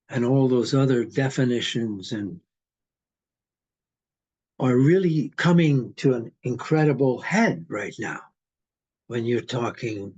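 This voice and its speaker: A man in his eighties from Hungary, talking in a slow, rambling, philosophical way in casual conversation. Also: mid-range voice, darkish tone, breathy edge, low-quality recording. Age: 80s.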